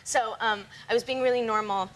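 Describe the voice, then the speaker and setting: A woman's voice: on the high side, fairly even intonation, brisk, fairly bright tone, a little hiss or hum, poor audio. Giggly young woman telling stories. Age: young adult. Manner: bubbly, giggly, sarcastic. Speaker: talk show guest. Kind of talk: chatty anecdote telling.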